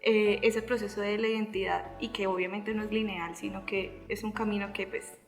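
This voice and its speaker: A woman's voice: medium pitch, flat delivery, normal speed, faint music behind. A woman with a Colombian accent hosting a faith podcast, framing the topic in a thoughtful, hesitant way with tag questions. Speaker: host. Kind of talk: casual faith-based podcast chat.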